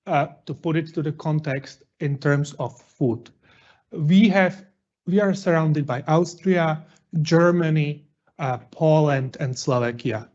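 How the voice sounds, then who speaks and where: A man in his thirties from the Czech Republic with a Czech accent, presenting as a guest chef in halting non-native English with frequent fillers. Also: on the high side, a little mellow, highs cut off. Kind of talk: presentation talk.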